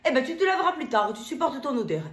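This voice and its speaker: A woman's voice: high-pitched, sing-song, quick pace, roomy sound, voice pushed up. A woman voicing a nagging mother in a comedy sketch, scolding and bossy.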